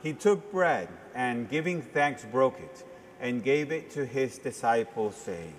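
A priest, a man, reciting the prayers of Mass in a measured, solemn way, his voice ringing with cathedral echo. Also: medium pitch, lively intonation. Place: large church. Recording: long church reverb, faint ambient noise.

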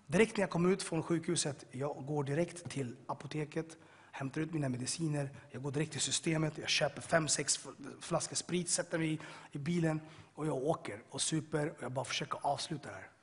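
A man giving a personal testimony to an audience, telling his story dramatically, swinging between loud bursts and hushed moments. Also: a little high, breathy edge. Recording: long hall reverb.

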